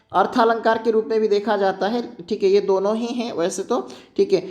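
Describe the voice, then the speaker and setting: A man teaching an exam-prep lesson, often checking in with students and reminding them to keep points in mind. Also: high voice.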